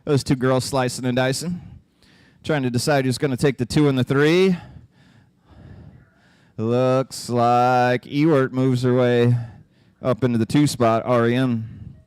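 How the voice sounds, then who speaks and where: A man's voice: mid-range voice, steady tone, a little slow, darkish tone, smooth, no echo. A man announcing live races with folksy, joking play-by-play, his voice starting to crack. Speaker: track announcer. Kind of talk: live race commentary.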